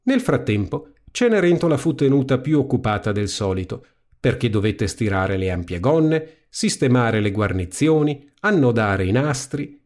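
A man reading a fairy tale aloud in an expressive storybook style. His voice sits in a middle register and swings through lively, animated intonation. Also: mid-range voice, normal speed. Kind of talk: storybook narration.

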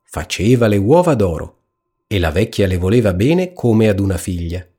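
Husky low-voiced male storyteller. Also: very animated, normal speed, warm tone. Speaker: narrator. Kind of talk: storybook reading.

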